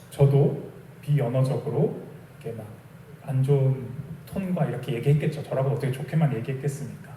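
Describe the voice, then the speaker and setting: A man's voice: mid-range voice, warm tone, roomy sound, distant mic, slight background noise. A young adult man preaching a sermon as a pastor, telling a personal story in a conversational way and acting out bits of dialogue. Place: small church sanctuary.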